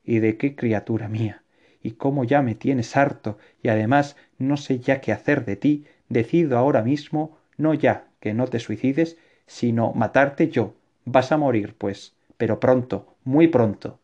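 A man's voice: mid-range voice, unhurried, mellow, natural voice. A man voicing an irritable, proud middle-aged author who bursts out in exasperation, read as an audiobook. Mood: exasperated. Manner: exasperated, raised outbursts. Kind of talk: audiobook reading. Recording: dull lo-fi recording.

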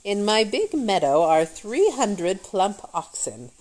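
A woman's voice: mid-range voice, big pitch swings, darkish tone, a little hiss or hum. A woman voicing a gloating old witch queen who cackles and draws out her taunts. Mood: scheming. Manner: cackling, smirking, drawn-out taunts.

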